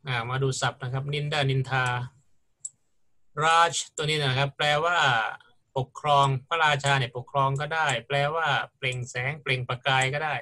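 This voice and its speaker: A man's voice: medium pitch, fairly even intonation, normal speed, pushed and bright. A middle-aged man lecturing on grammar in a patient, explanatory way, often checking in with his students. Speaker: university lecturer.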